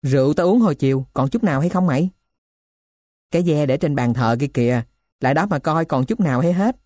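Woman doing a sharp-tongued scolding wife. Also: sits low, lively intonation, fairly quick, no room sound, clean studio sound. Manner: scolding, questioning.

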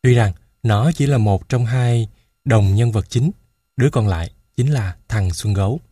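A man reading a first-person children's story aloud in a steady, measured way into a close mic. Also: on the low side, breathy edge, no room sound. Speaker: audiobook narrator.

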